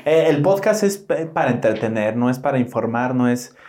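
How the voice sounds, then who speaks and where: Young man, Mexican accent, podcast co-host, casual chat, slangy and casual with swearing, mid-pitched voice in the middle of the usual male range. He keeps calling his partner "güey" and lets loose curse words, as friends on a laid-back show do. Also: lively intonation, moderate pace, darkish tone. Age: young adult.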